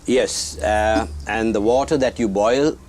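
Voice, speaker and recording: A man's voice: fairly low pitch, fairly even intonation, darkish tone. Matter-of-fact man from Sri Lanka. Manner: measured, matter-of-fact answers. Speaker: tea company executive guest.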